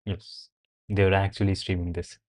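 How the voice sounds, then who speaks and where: Streaming live, this young man from a native Hindi background keeps a level tone and normal speed in his slightly low voice. His replies to viewers are casual and off the cuff as he thinks aloud, with an occasional swear slipping in.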